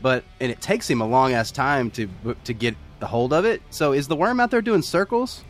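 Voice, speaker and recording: A man pokes fun at a film's logic in a casual podcast chat, joking and skeptical, with casual swearing. His voice sits at a middle pitch. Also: moderate pace, faint music behind. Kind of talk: casual film discussion podcast.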